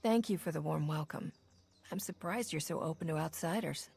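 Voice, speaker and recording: A determined, resolute woman hero with a direct, firm delivery. Her voice is low, mellow and a little husky. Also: moderate pace, heavily acted. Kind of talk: video game voice acting.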